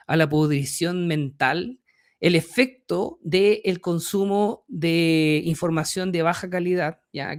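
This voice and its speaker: A middle-aged man with a Chilean accent hosting a podcast, explaining ideas step by step and asking his listeners rhetorical questions. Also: fairly high pitch. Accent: Chilean Spanish. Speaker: podcast host.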